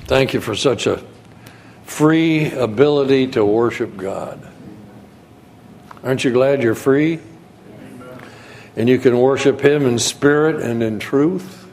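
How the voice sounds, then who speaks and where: An older man from New England giving a sermon in a conversational, folksy storytelling way with soft chuckles. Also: mid-range voice, slow pace, gravelly, long pauses, a little hiss or hum. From Connecticut, New England. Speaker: guest preacher.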